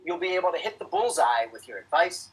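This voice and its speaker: A man's voice: sits high, animated, fast, breathy edge, poor audio. A middle-aged man presenting a live webinar to financial advisors, emphatic and coaching, repeating his key points.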